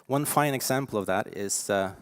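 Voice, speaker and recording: A man's voice: lowish voice, moderate pace, no echo. Norwegian-accented man giving an emphatic keynote. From Norway. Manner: lively, emphatic, with frequent fillers. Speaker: keynote speaker. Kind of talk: conference keynote talk. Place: conference stage.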